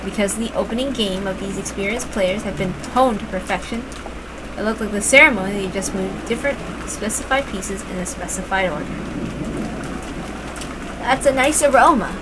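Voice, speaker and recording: A woman with a mid-range voice reads a story aloud at a brisk pace, narrating expressively and adding informal asides. There's clear background noise in the recording that sounds like rain.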